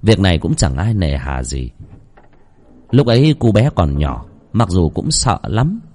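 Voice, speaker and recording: A man narrates a ghost story in a lowish voice. His pitch swings widely as he leans into the drama. The delivery stays expressive and storytelling throughout.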